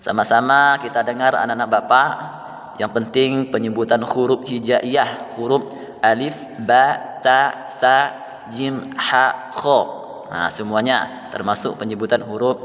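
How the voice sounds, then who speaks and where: A male teacher with an Indonesian accent, explaining Quran recitation to children slowly and carefully, repeating letter sounds. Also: medium pitch, steady tone. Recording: long reverb, dull sound, faint music.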